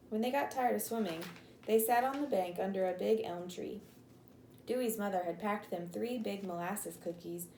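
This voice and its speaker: A woman teacher reads a children's novel aloud with a mellow, relaxed tone. She lifts her voice for the characters' lines and stops to explain words. The room sounds echoey, with a faint hiss behind her. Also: medium pitch. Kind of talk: reading a chapter book aloud to a class.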